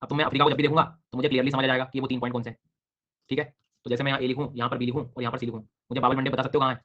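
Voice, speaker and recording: A man runs an online geography class, talking very fast and calling on students by name. His comes through as he explains and questions them. The recording is dull and lo-fi. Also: medium pitch, flat delivery. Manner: brisk, quizzing students by name. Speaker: teacher.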